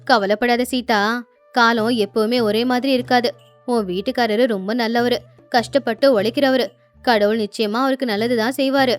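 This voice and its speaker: Woman playing kindly neighbour woman, soothing reassuring tone, fairly high voice, storybook tale, faint music. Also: fairly even intonation, moderate pace, natural voice.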